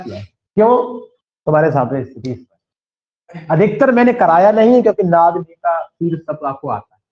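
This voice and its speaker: A man with a western Uttar Pradesh Hindi accent teaching a maths class, quizzing his students and repeating the key points. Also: fairly high pitch. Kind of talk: classroom lecture. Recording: echoey, dull lo-fi classroom recording.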